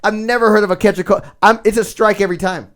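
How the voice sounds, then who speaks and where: Man, podcast co-host, quick talker, fairly high voice, blunt. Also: steady tone, a bit bright. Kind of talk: casual movie chat.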